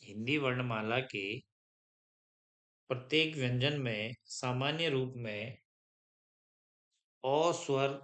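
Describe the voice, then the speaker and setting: Slow, bright-voiced male grammar teacher. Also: mid-range voice. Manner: slow, repetitive, keeps checking understanding. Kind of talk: classroom grammar lesson with dictation.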